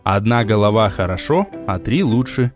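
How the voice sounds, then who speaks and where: A man narrating a fantasy audiobook in an expressive, measured storytelling manner. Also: lowish voice, faint music behind.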